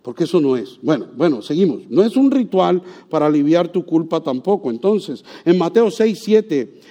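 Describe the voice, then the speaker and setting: High-voiced Puerto Rican preacher. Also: male voice, moderate pace. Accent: Puerto Rican Spanish. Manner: animated, asks the congregation questions. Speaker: pastor. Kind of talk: sermon.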